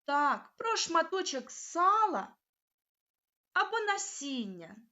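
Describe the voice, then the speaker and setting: A woman teaching young children a phonics lesson, sounding out letters slowly and asking them questions. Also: very high-pitched, very animated, bright, forceful tone, highs cut off. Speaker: primary school teacher.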